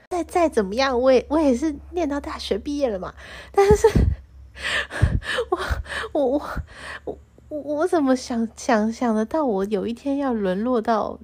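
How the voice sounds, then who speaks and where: Speaking to camera in a relaxed vlog, a young woman with a Taiwanese Mandarin accent recounts something that happened to her, tripping over words and starting again as her indignation builds. Her voice is fairly high with a breathy edge.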